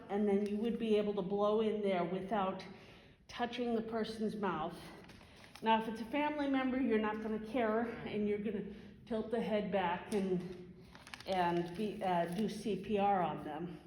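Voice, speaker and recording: A woman instructor giving an informal hands-on first aid demonstration, explaining step by step and halting as she thinks. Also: mid-range voice, fairly even intonation, darkish tone. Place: large reverberant room. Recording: echoey hall, faint background noise.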